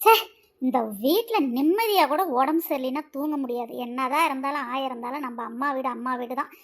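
A woman's voice: sits high, brisk. A woman voicing a tired, put-upon young wife in a cartoon, pleading and patient. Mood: grumbling. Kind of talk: cartoon voice acting.

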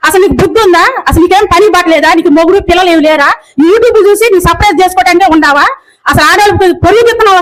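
Fast, high-voiced scolding woman. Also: rough recording. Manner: scolding, rapid and repetitive. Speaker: video commenter. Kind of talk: angry rant.

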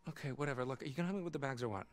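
A man's voice: mid-range voice, very fast, natural voice. A young man acting a cocky, exasperated camp counselor in a cinematic video game, with slangy, sarcastic, stammering delivery. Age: young adult.

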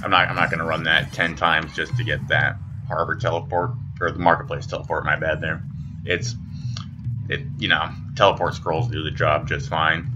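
Very deep-voiced man casually commentating. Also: flat delivery, normal speed, noisy background. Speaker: gamer commentator. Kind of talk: casual unscripted game commentary. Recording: game music behind the voice. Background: video game music and sound.

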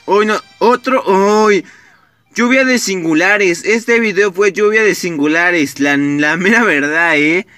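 A young man with a Mexican Spanish accent giving casual, excitable gameplay commentary, swearing often and talking straight to his viewers. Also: high voice, takes it slowly, dry recording, faint music behind. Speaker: gaming YouTuber.

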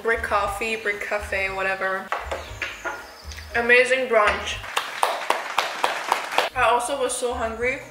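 A woman's voice: fairly high pitch, slow, pauses often, noisy background. Bubbly young woman gushing over food. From Canada. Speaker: food vlogger. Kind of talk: casual vlog chat. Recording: music playing underneath.

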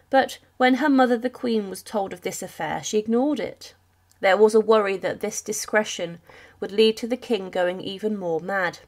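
A woman narrating a history video in a steady, sombre reading voice. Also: mid-range voice.

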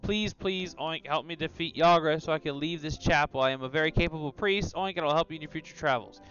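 A man's voice: a little high, fast, fairly bright tone, highs cut off, lightly acted. A man voicing a frightened pig priest who pleads and oinks between sentences. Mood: frightened pleading. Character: scared trembling pig priest.

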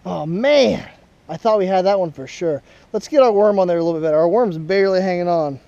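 A body-worn action camera captures a young father outdoors at a pond, patiently talking his son through fishing in a relaxed chat. He speaks fast in a high-pitched voice with a dark tone, and the highs are cut off in the audio.

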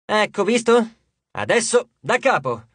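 A man's voice: sits high, animated, measured pace, no echo, pitched above the performer's own voice. A man voicing a cheeky, theatrical schoolboy who plays director, with a hammy, bossy delivery. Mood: theatrical, imperious.

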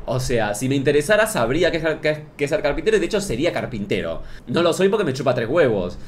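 Argentine male comic vlogger, rapid sarcastic delivery, exaggerated storytelling, faint noise behind. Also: medium pitch, very animated. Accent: Argentine Spanish. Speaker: comedy youtuber. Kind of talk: comedic rant to camera.

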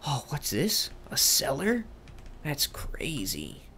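A young man riffing casually over his gameplay, slangy and self-mocking. His pitch moves around a lot and carries some gravelly fry. A faint hiss of noise sits under it. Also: wildly swooping pitch, slow, sharp tone. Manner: joking, slangy, talks to himself. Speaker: let's play host.

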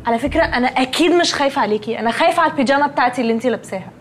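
A prim, snippy rich young woman , played by an actress, speaks with an Egyptian accent. Her voice sits high and her words rush out very quickly. She comes from a comedy series. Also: music in the background, lightly acted. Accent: Egyptian Arabic. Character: spoiled rich young woman who mixes in English.

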